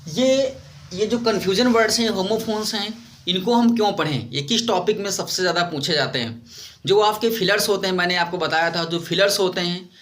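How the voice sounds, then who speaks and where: A man's voice: high voice, a little fast, a bit bright. A man with an Indian English accent teaching a lesson in a mix of Hindi and English, explaining step by step, repeating words and asking the class questions.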